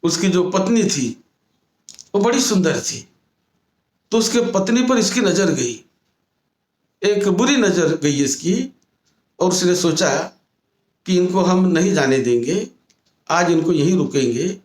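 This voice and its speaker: A man, a Buddhist monk, telling a moral story in a sermon, retelling it slowly and often restating his phrases. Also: sits high, lively intonation, darkish tone, reverberant.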